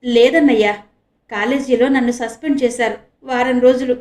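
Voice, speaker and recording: A woman's voice: fairly high pitch, fairly even intonation, moderate pace, darkish tone, close to an everyday voice. A woman voicing a tearful college girl. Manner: tearful, resentful. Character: tearful young female college student, younger sister. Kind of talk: audiobook character reading.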